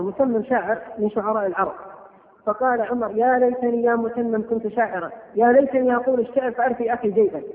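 A fast-talking man delivers a fervent religious lecture and chants lines of verse in rhythm. His voice sits very high. The audio is narrow and phone-like, with a long hall reverb behind him. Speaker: preacher giving a lecture. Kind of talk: religious lecture with recited poetry.

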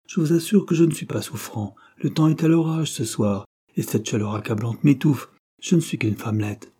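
A man reads a gentle young peasant who gives up his own happiness, his voice lifted higher than the narration and earnest. The tone stays husky and dark, pleading rather than forceful, as in a storybook reading. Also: moderate pace, natural voice. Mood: reassuring. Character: young male peasant, gentle, self-sacrificing.

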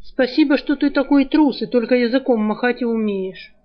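A woman's voice: on the high side, normal speed, dull audio, natural voice. A woman reading a sneering scornful young man. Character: sardonic young man Alk, scornful shapeshifter.

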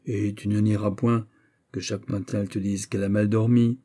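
A man's voice: fairly low pitch, flat delivery, a little fast, mellow, lightly acted. A man voicing a scheming, spiteful young nobleman who mocks and needles those around him. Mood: insinuating. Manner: insinuating, mocking, then exasperated.

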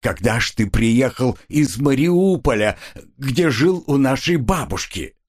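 A man's voice: medium pitch, very animated, a little slow. A man voicing a scheming young con man who talks in a gushing, falsely affectionate way, as an audiobook figure. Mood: fawning.

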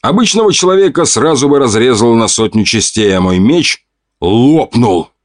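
A man narrating an audiobook in the first person with lively, expressive storytelling. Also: mid-range voice, moderate pace, no room sound, clean studio sound.

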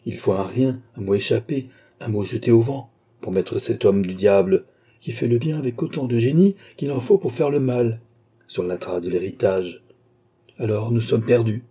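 A man's voice: mid-range voice, moderate pace, warm tone, breathy edge, natural voice. A man voicing a nervous henchman lieutenant in an audiobook, speaking with worried urgency. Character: anxious male henchman lieutenant.

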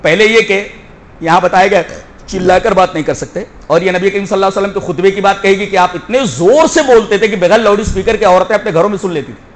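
A man preaching a sermon, reciting Arabic verses quickly and explaining them, moving between soft low passages and loud shouted emphasis. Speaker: Islamic preacher.

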